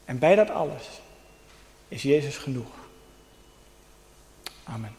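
A man preaching a sermon with personal testimony, earnest, with pauses and soft emphasis. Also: medium pitch, sing-song, slight background noise. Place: church hall. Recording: long hall reverb.

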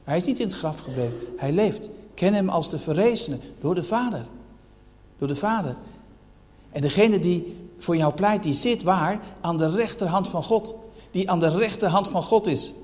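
A man preaching a sermon as pastor, building to loud, emphatic declarations. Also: high voice, expressive, moderate pace. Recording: long hall reverb.

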